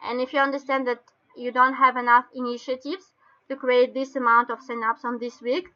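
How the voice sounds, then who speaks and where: A woman with a Russian accent explains things step by step in halting non-native English, like an informal online training session. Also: high voice, flat delivery, sharp tone. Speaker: webinar presenter. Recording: dull lo-fi webinar call audio.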